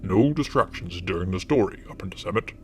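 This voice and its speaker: A man playing a stern, secretive paranormal investigator and mentor in an audio drama, speaking formally and commandingly in a disguised, altered deep voice. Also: animated, brisk, a little mellow, slight background noise. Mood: impatient, commanding.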